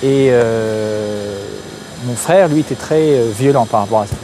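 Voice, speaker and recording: A man's voice: mid-range voice, unhurried, background noise. A man from Algeria answering interview questions openly, hesitating often with fillers and restarts. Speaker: interview guest, activist. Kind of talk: candid interview.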